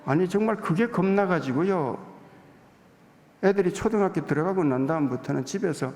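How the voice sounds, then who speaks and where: A man's voice: sits high, lively intonation, moderate pace, a little mellow. A male pastor giving a confessional, humorous sermon in a church sanctuary, with hall reverb.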